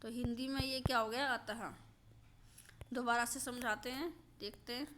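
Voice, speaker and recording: A woman teaching a grammar lesson, slowly and patiently, repeating examples and checking that her students understand. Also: fairly high pitch, fairly even intonation, noisy background.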